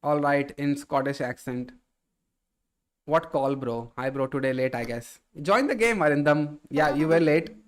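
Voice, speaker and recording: A man hosting a casual live stream, reading viewer chat aloud and answering in a relaxed way, often calling people "bro". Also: a little high, normal speed, hardly any pauses, smooth.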